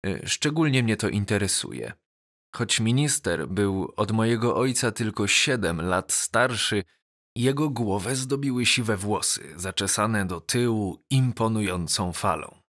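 A male audiobook narrator telling a novel in first person. He reads slowly and deliberately, his lowish voice carrying a bright, clear edge. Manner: measured, deliberate reading.

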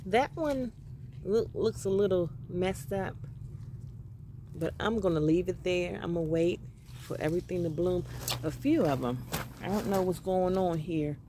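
A woman giving a casual walk-through of her container garden, upbeat and grateful, chatting with pauses and fillers as she films on a phone held close. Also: on the low side, noisy background. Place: outdoor container garden on gravel. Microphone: phone camera held close while filming plants.

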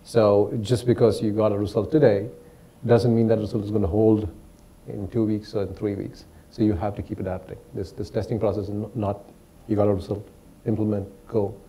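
Give me a man with a deep, mellow tone explaining calmly at a panel discussion. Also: a little fast, rough recording. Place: wood-paneled lecture hall. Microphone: lapel mic.

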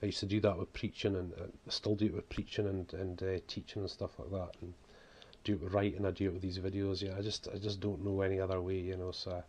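A man's voice: deep voice, little pitch movement, quick pace, darkish tone. A man in his forties with a broad Scottish accent, rambling through unscripted, casual talk to camera at home, often saying "you know". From Scotland. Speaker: vlogger and author. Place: small home room, indoors.

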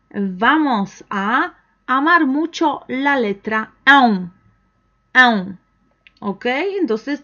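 Slow, patient woman teaching a lesson. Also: fairly high pitch, fairly bright tone. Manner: slow, patient, encouraging, with pauses for the learner to answer. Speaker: language teacher. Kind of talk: online language lesson. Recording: dull, lo-fi recording.

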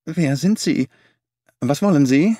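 Brief: male narrator plays a timid little man, trembling and whimpering, voice pushed high. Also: very animated, moderate pace, no room sound, studio quality. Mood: pleading, frightened. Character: small frightened nervous man. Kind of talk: audiobook character voice.

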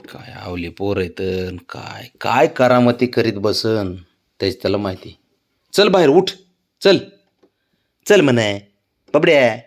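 A man at home chatting to his cat in a sing-song, coaxing voice. His pitch swoops high and low. He speaks unhurriedly. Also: expressive, measured pace, vocal fry. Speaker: pet owner. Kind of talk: casual talk to a pet cat.

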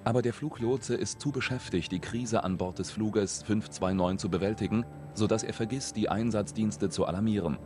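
A man giving serious, measured scripted narration for a documentary. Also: on the low side. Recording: voice-over with music behind.

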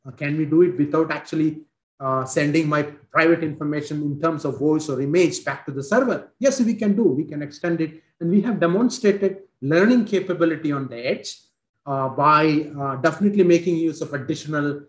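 A man in his forties with an Indian accent gives a technical product demo over a video call, speaking into a headset. His delivery is halting, full of fillers and restarts, and his voice sits on the high side. The call audio sounds roomy.

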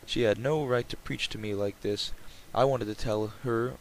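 A man's voice: fairly low pitch, steady tone, normal speed, low-quality recording. Casual man reading aloud over background noise. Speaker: let's player reading a visual novel aloud. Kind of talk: reading game text aloud with casual asides. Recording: clear background noise, game ambience.

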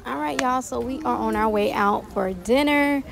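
A woman's voice: on the high side, moderate pace, creaky, background noise. A young adult woman narrating a family travel vlog, chatty, reviewing a restaurant and its food. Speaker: family vlogger.

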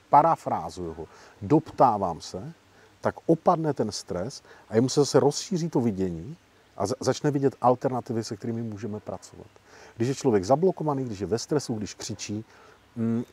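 A man who works as a professional negotiator, explaining his methods in an interview in a lively, emphatic way. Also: mid-range voice, breathy edge. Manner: lively, emphatic, acts out example quotes. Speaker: professional negotiator, guest speaker.

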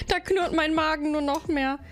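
A woman's voice: on the high side, moderate pace, soft background music. A woman streaming a game, chatting playfully with her viewers while she plays. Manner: playful, chatty, talks to chat while playing. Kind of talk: casual gaming livestream chat.

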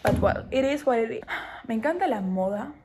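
A woman's voice: fairly high pitch, expressive, moderate pace, noisy background. Young Argentine woman, casual chatty vlogger, self-mocking, mixes in English. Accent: Argentine Spanish. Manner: chatty, self-deprecating, slips in English words. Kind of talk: casual chat to camera.

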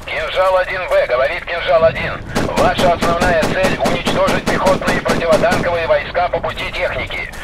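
An actor playing a stern military commander in a war game, giving clipped, formal orders in radio procedure. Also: male voice, a little high, fairly even intonation, fairly quick, lightly acted. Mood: firm, businesslike. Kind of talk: scripted military radio dialogue. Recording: battle noise of gunfire and vehicles. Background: loud gunfire, artillery, vehicles.

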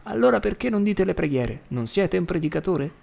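A man reading an audiobook voices a petulant, bossy old grandmother in a shrill, scolding voice. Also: sing-song, a little fast, creaky, full character voice. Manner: shrill, scolding, bursts into shouting.

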